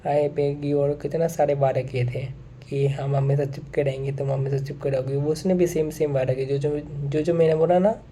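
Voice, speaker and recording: A young man with a very dark, mellow voice talks to his viewers in an earnest, unscripted monologue. He circles back over his points and drops English phrases into his speech. A faint hiss of noise sits under him. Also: on the high side, level tone, normal speed. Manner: earnest, repeats himself, mixes in English phrases. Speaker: vlogger. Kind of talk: casual monologue to camera.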